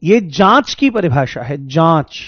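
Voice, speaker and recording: A man's voice: on the high side, big pitch swings, a little slow, no room sound, highs cut off. A man giving an exam coaching lecture on law, repeating key terms over and over and joking with his students. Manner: repetitive, drills terms, jokes with students. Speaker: law teacher.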